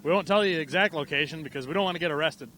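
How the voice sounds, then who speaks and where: A man with a high, sharp voice calls a live race outdoors at a small racetrack. He is loose and irreverent, swears freely, and gets excited as the cars tangle. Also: very fast, slight background noise. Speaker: race announcer.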